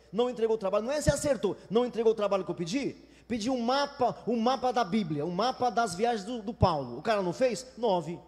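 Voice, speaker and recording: A man's voice: high-pitched, darkish tone, big-room sound. A Brazilian man preaching a sermon as a pastor, emphatic, sometimes acting out whiny complaining churchgoers. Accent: Brazilian Portuguese.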